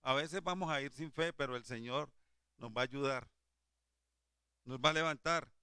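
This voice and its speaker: A man preaching a Sunday sermon, fervent and emphatic at times, dropping to a soft, tender voice when quoting Jesus. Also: mid-range voice, normal speed, smooth, no echo, clean studio sound. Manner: fervent, rising to emphatic exhortations. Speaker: lay preacher.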